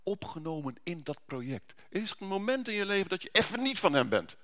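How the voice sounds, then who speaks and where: A man's voice: sits high, very animated, a little fast, fairly bright tone. Man preaching in a conversational way. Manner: conversational, rhetorical questions, frequent restarts. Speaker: pastor. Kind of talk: sermon. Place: church service.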